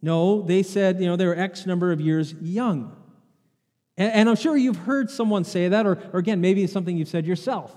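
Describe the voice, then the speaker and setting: A male pastor speaking at normal speed with a high but dark-toned voice delivers a sermon in a church sanctuary. He chats with the congregation and asks rhetorical questions, and the recording carries a long hall reverb.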